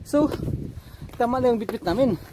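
High-voiced man vlogging outdoors. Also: normal speed, warm tone, slight background noise. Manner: panting and effortful while climbing. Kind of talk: casual vlog narration. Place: outdoors on a rocky seashore.

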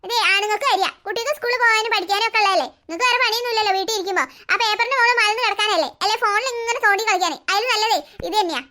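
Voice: extremely high pitch, racing, few pauses, pushed and bright. A performer playing a scolding, teasing mother. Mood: mocking. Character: sharp-tongued mother, a teasing wife. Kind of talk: comic family sketch.

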